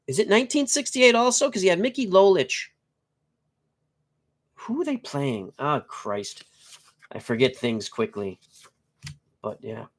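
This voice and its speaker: On a tabletop baseball live stream, a middle-aged male host chats and jokes at an average pitch with a fairly bright tone. A cold leaves him congested and nasal, and he reads out the lineup stats in short bursts.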